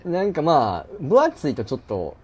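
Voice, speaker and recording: A young man with a Kansai accent, co-hosting a casual chat at home, bantering and quick to laugh and protest. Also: a little high, wildly swooping pitch, slightly rough. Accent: Kansai Japanese. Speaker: podcast co-host.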